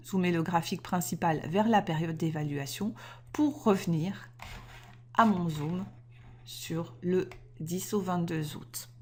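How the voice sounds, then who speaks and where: Woman, lower register, instructor voice-over for a software tutorial, methodical and clear. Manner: clear, methodical explaining with small self-corrections. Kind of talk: screen-recorded software tutorial.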